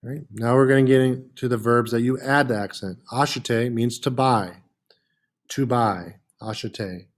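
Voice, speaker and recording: A man's voice: medium pitch, fairly even intonation, moderate pace. A man teaching a French lesson, patiently repeating words with frequent "uh" fillers. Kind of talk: classroom lesson.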